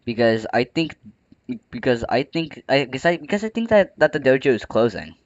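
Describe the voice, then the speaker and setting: A man's voice: mid-range voice, sing-song, normal speed, no room sound, muffled recording. A man with the hiccups, chatting casually over gameplay, with a bit of playful trash talk. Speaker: gaming channel host. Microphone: close desk microphone.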